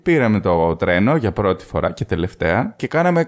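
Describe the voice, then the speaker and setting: This is a man in his thirties co-hosting a relaxed chat show. He tells his stories with animation, his voice rising and falling widely. He laughs freely as he goes. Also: low-pitched. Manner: animated storyteller, laughs often. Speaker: podcast co-host. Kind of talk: casual chat.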